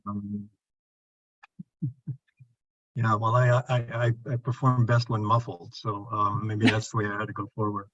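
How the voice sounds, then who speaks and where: A man speaks in a husky, monotone voice, muffled as though coming through a wall. His measured, technical testimony arrives over a dull, lo-fi remote call line with the highs rolled off. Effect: muffled, as if heard through a wall. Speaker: public testifier at a council meeting.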